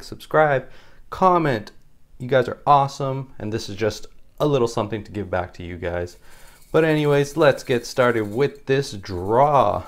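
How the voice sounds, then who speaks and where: A man with an average-pitched voice presents a casual giveaway vlog. He is upbeat and chatty, speaking straight to his audience as a host does. He tends to repeat short phrases as he goes. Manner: chatty, addresses viewers as "guys", repeats phrases. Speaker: YouTube host of a trading card channel.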